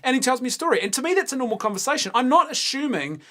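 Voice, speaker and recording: A man's voice: extremely high pitch, very animated, racing, fairly bright tone. A man, co-hosting a casual debate, arguing his point earnestly and insistently, with stumbling restarts. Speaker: co-host.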